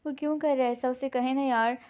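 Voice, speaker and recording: A distraught young woman, pleading and devoted, with a high voice, as a woman narrator plays her. The sound is a bit dull and lo-fi, like a home-made audio novel. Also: steady tone, fast talker, darkish tone, lightly acted.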